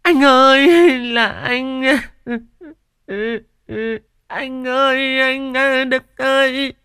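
A man voicing a scheming middle-aged woman who fake-wails at a funeral in a shrill, sobbing falsetto. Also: fairly even intonation, pushed and bright, clear, resonant tone, dry recording, studio quality, full character voice. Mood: fake wailing. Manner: theatrical sobbing, drawn-out cries.

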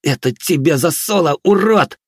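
A man's voice: mid-range voice, fairly quick, darkish tone, no room sound, studio quality, natural voice. Man doing a harsh young warrior giving orders. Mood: fierce. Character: grim young male warrior commanding the dead.

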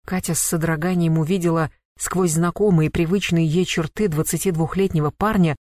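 An audiobook narrator reads a tense chapter in a measured, dramatic way. The voice sits in a middle register and is recorded dry and close, with no room sound. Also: medium pitch, fairly even intonation, darkish tone, no echo.

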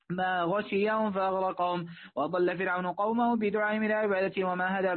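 A man with a high, flat voice races through a classical commentary at a very fast clip, fixing slips on the fly. He keeps an even recitation tone throughout. The sound is dry and squeezed into a narrow, phone-like band. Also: no room sound. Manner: fast monotone recitation with quick self-corrections. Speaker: student reading the text aloud. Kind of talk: rapid reading of a classical commentary.

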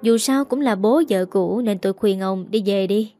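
A woman's voice: mid-range voice, moderate pace, mellow, soft background music, lightly acted. A woman voicing an arrogant, cruel rich young man who mocks and sneers. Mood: sneering. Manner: sneering, mocking.

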